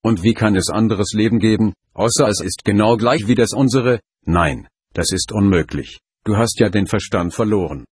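A man's voice: on the low side, moderate pace, husky, no echo, clean studio sound. A man reading an audiobook, voicing a scornful little creature who dismisses other life. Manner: scoffing, dismissive.

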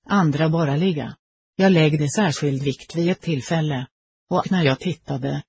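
A man reads a first-person story aloud in an even, steady way. His voice is dark and mellow, with a breathy, husky grain. The sound is close and dry. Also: on the high side, no room sound. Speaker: narrator. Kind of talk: scripted story narration.

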